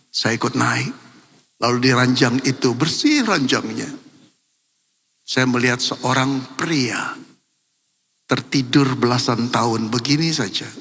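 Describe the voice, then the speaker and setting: An older male pastor preaches in a bright, forceful, gravelly voice with a husky edge. He tells a story, dropping to a hush and then rising to emphatic peaks. His voice carries a long reverb through a large church hall. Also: mid-range voice. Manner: storytelling, swings from hushed to emphatic. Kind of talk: sermon.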